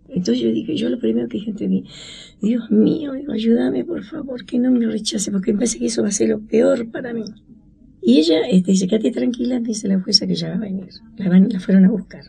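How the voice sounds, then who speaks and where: A woman's voice: gravelly, slightly rough. An older woman from Chaco with an Argentine accent, telling her story in an interview and acting out the voices she quotes. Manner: acts out quoted voices, rising high and excited. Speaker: interviewee, grandmother of a found granddaughter.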